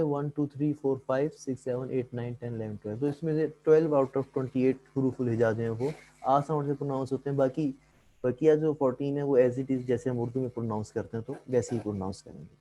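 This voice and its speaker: Mellow-voiced male language teacher. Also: mid-range voice, rough recording. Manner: explains patiently, asks the class questions; mixes English words into his explanations. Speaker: Arabic language instructor. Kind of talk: online classroom lecture.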